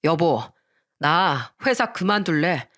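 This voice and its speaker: Woman doing a curt, grumbling middle-aged husband, radio story, lively pitch. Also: slow pace, heavily acted. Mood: defiant. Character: surly lazy middle-aged husband, male.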